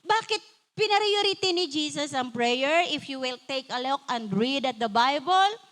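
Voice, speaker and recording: An older woman preaching a sermon in a Filipino accent, mixing in English and talking in an animated, conversational way. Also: sits high, measured pace. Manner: switches between Tagalog and English, animated and conversational.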